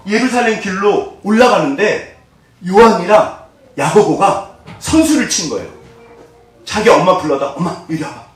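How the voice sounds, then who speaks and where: Lively preaching man in an echoey hall. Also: a little high. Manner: lively conversational preaching, acts out quoted voices. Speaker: pastor. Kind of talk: Easter sermon. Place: church sanctuary. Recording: echoey hall, distant mic.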